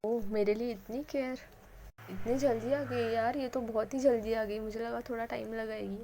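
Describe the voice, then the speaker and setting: A woman's voice: on the high side, fairly even intonation, normal speed, mellow, a little hiss or hum, lightly acted. A woman voicing a playful young woman who teases and coaxes her friend. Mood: pleased. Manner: teasing, coaxing.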